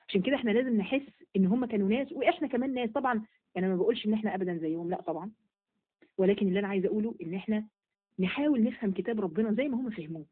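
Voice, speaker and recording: A woman's voice: medium pitch, breathy edge, phone-quality sound. A woman teaching a Quran study lesson in Egyptian Arabic, asking and answering her own questions as she goes. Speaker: religious teacher.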